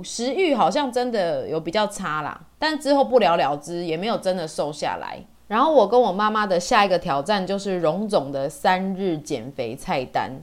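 A woman in her forties from Taiwan with a Taiwanese Mandarin accent, telling personal stories as a podcast host in a chatty, colloquial way. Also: fairly low pitch. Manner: chatty, colloquial, with sentence-final particles. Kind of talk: casual personal storytelling.

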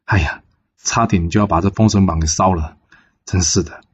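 A man's voice: low voice, a little fast, slightly rough, dull audio. A man voicing a stern old male immortal who scolds, in a told folk story. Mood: scolding.

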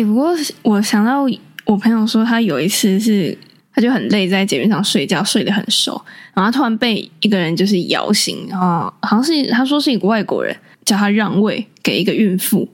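A woman's voice: mid-range voice, big pitch swings, a little fast. A young woman, co-hosting a podcast in a chatty way and laughing easily. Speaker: podcast co-host. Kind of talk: casual chat.

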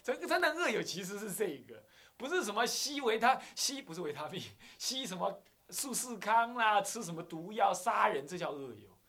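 A man's voice: high-pitched, very animated, moderate pace, bright, forceful tone. A man with a Taiwanese Mandarin accent, a Buddhist abbot lecturing who acts out little scenes and chuckles often.

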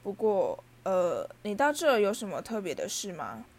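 A woman's voice: mid-range voice, very animated, normal speed, darkish tone. A woman voicing a polite, nervous boy wizard in a storybook reading, speaking hesitantly.

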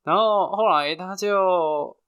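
Bright, chatty Taiwanese-accented man. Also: sits high, clean tone, highs cut off. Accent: Taiwanese Mandarin. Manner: chatty, halting with frequent restarts and fillers, laughs at his own stories. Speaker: podcast host. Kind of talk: casual storytelling.

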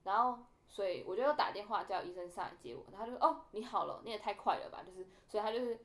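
A woman's voice: medium pitch, very fast. A young woman telling a story in a casual podcast chat, animatedly acting out the quoted dialogue. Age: young adult. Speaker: podcast co-host.

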